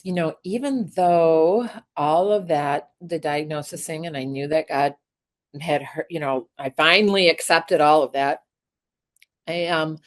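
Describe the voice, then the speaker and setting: An earnest middle-aged woman recounts a personal story as a podcast guest. Her voice sits fairly low, and she pauses and restarts often with fillers. She talks in a heartfelt, unpolished way. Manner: earnest, halting with many fillers.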